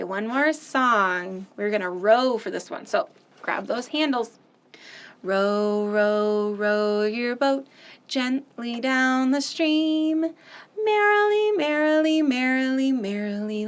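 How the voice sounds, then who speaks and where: At a slow pace and fairly high pitch, a woman leads storytime for little ones. Picture books get read aloud and nursery songs sung in a vivid, sing-song way, with loud, playful sound effects mixed in.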